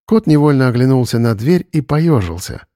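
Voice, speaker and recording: A man reading a story aloud as narrator, calm and measured. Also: mid-range voice, no echo, clean studio sound. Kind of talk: audiobook narration.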